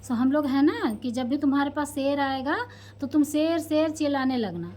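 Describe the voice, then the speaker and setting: Village neighbours, voiced by a woman storyteller, reassuring, high voice. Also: normal speed, warm tone, lightly acted.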